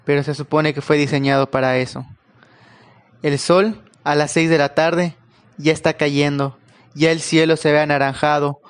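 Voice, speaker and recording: A man telling a first-person horror story, in a calm, unhurried manner with occasional pauses. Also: on the high side, smooth.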